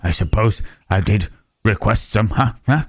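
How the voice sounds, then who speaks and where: A man voicing a gentle, melancholy, lonely monster in a halting, pensive ASMR roleplay, with formal wording and a husky, low voice. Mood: touched, grateful.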